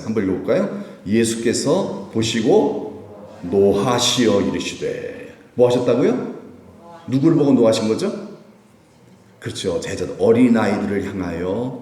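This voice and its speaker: Male pastor, mellow voice, lively sermon delivery, echoey sanctuary. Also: medium pitch. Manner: animated, acts out the disciples' scolding in raised voice. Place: church sanctuary. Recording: echoey church hall.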